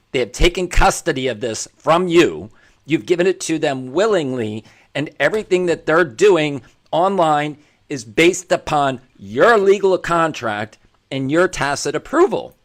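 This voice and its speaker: A man's voice: fairly high pitch, a bit bright. A man hosting an opinionated commentary monologue, blunt and self-deprecating, who repeats his points for emphasis. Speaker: commentary show host.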